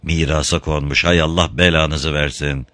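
A man's voice: extremely low pitch, fairly even intonation, normal speed, a bit bright, no room sound. A man voicing a grumpy, curt city man woken from sleep in a read-aloud story. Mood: surly.

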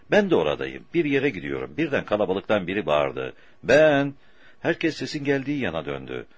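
A man reading a story aloud for an audiobook in a slow, deliberate way, with a husky voice. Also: sits low, no room sound. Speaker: audiobook narrator.

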